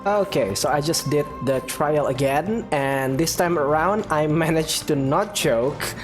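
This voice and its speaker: His voice is fairly high and his pace measured as he plays, with game music in the background. The man, a gaming YouTuber, keeps up loose, chatty reactions, laughing and groaning at the game.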